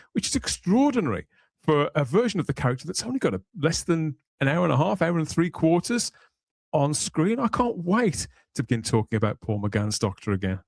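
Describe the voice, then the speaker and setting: A man with a voice on the high side hosts a casual panel podcast, recorded with no echo. He chats in wordy, rambling phrases while presenting and introducing guests.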